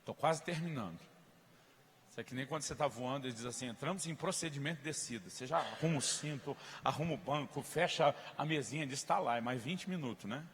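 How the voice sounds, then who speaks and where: A man from Brazil preaching a sermon as pastor, telling stories and acting out dialogue, rising to loud emphatic peaks. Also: mid-range voice, fast talker, slight background noise. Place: church hall. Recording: reverberant church hall.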